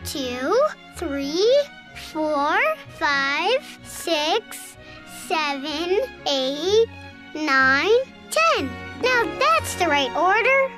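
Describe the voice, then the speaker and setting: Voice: sits high, big pitch swings, very slow, music in the background, heavily acted. An actor voicing a young, eager and helpful kangaroo child in a children's cartoon. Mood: helpful, thoughtful.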